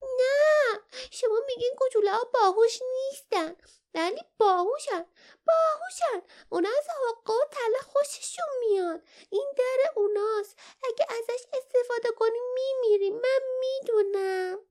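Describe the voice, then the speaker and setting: A woman voicing a frightened young companion who pleads in a high, tearful voice. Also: a little mellow. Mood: tearful pleading.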